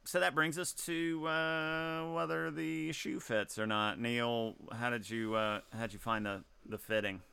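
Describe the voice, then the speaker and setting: Bright, crisp-voiced male podcast host. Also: mid-range voice, flat delivery, no echo. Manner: wry, opinionated, quick to laugh. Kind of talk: casual chat about music.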